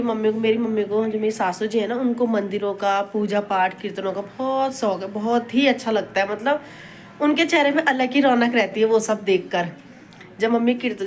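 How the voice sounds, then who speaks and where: A young woman, chatting casually and at length in a home vlog, recorded on a phone with faint household noise. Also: a little high. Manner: chatty, rambling, scolds a toddler between remarks. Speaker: vlogger.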